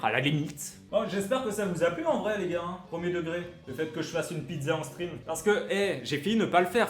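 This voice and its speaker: A young man streams from his home kitchen, joking with his chat in a high, lively voice that swings up and down. He often moves away from the mic, and faint music plays behind him. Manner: excitable, jokey, reads chat aloud. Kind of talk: live-stream cooking chat.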